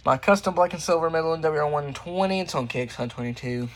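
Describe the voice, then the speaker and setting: A hobbyist host talks quickly in a slightly high voice, with a little hiss or hum on the recording. He rambles through a casual show-and-tell of his radio collection, muttering and swearing a bit, as weather radios play nearby.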